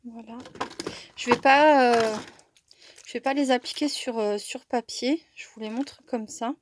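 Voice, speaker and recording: Woman, casual craft haul chat, slow pace, slightly high voice, hesitant with fillers. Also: steady tone, a little hiss or hum. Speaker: crafting vlogger.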